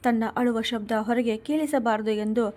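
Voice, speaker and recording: Woman storyteller, higher voice with a mellow, dark tone, steady scripted reading. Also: normal speed.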